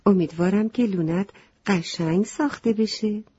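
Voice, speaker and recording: Woman playing a tired but kind little sparrow in a storybook, friendly and mellow, muffled sound. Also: medium pitch, breathy edge. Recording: slightly muffled lo-fi recording.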